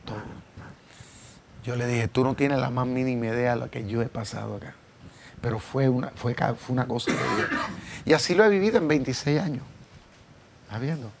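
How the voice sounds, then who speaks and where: Man, middle-aged preacher, earnest sermon testimony, swings between emphatic and hushed. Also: mid-range voice, fairly quick, creaky, long pauses, noisy background. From Puerto Rico. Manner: earnest storytelling, rising to emphatic peaks and dropping to hushed asides.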